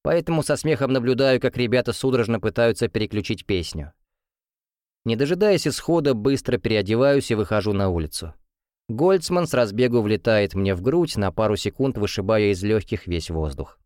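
A man's voice: fairly low pitch, lively intonation, fairly quick, a little mellow, no echo, clean studio sound. A young man reading a first-person story as audiobook narration.

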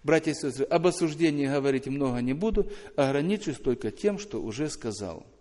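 A man preaching a sermon to his congregation, swinging between loud emphatic appeals and low, quiet scripture reading. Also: animated, brisk. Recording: long hall reverb.

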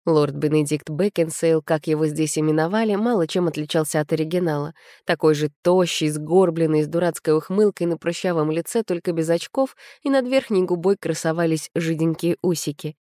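A woman narrating an audiobook in an even storytelling manner. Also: deep voice, a little fast, no room sound, clean studio sound.

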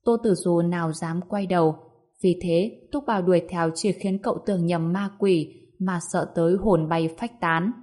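Low-voiced woman storyteller. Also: fairly even intonation, normal speed, a little mellow. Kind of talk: scripted story narration.

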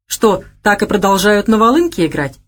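Lady reader doing a coy teasing young gal, sly and stubborn, voice bounces around a lot. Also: moderate pace. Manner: teasing, coy, high and lively.

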